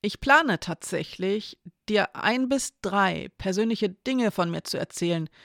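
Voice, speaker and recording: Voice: medium pitch, expressive, a little slow, creaky, a bit bright, dry recording, clean studio sound. A reader voicing Elena, a nervous young woman. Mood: unsure. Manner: hesitant, then hasty.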